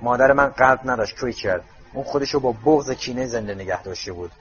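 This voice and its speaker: A man's voice: medium pitch, a bit bright, soft background music, lightly acted. A man voicing a cold, commanding grown man who gives curt orders, on dull lo-fi audio.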